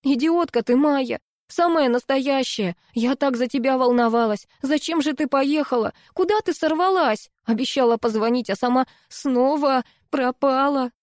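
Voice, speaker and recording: Woman reading as a blunt young gal scolding her friend, higher pitched, dry close sound. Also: moderate pace, hardly any pauses, darkish tone, dry recording, lightly acted. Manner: brusque, scolding.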